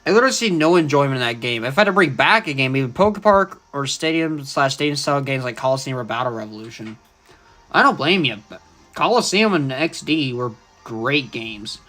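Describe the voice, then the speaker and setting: A man's voice: medium pitch, animated, a little fast, pushed and bright, faint music behind. A young man chatting casually and opinionatedly while livestreaming a video game. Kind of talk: live gameplay commentary.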